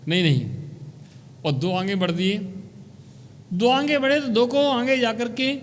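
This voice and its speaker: A monk giving a sermon, telling a parable and asking the listeners questions along the way. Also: male voice, very high-pitched, animated, unhurried, long reverb tail, a little hiss or hum. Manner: storytelling, asks the audience questions.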